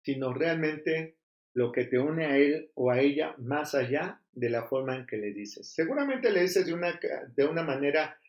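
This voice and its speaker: A man's voice: fairly high pitch, lively intonation, normal speed, reverberant, muffled recording. A man preaching a sermon as pastor, emphatic and full of rhetorical questions.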